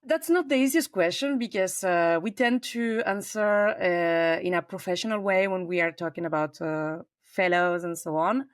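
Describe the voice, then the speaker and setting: A woman's voice: fairly low pitch, moderate pace, hardly any pauses, no echo, clean studio sound. A woman in her forties from southern Spain with a Spanish accent, a talkative podcast guest chatting over a remote call. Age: 40s. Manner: talkative, warm and expansive, frequent fillers. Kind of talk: conversational interview.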